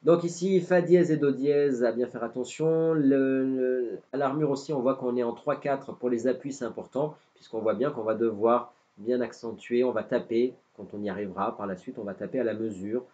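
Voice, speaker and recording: A man's voice: mid-range voice, moderate pace, dark tone, muffled recording. A man with a non-native French accent teaching a live guitar lesson, hesitant and self-deprecating with many fillers. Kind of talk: live-streamed music lesson.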